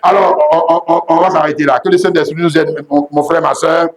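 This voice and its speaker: Man, pastor preaching, high voice, emphatic repeated phrases, echoey room. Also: steady tone, a little fast. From Côte d'Ivoire. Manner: emphatic, repetitive preaching with frequent shouted exclamations. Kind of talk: sermon.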